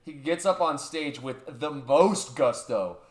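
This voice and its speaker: Profane, animated young man in echoey room. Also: on the high side, slow. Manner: loose, profane, acts out characters' lines. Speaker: podcast host. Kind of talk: casual chat, animated retelling.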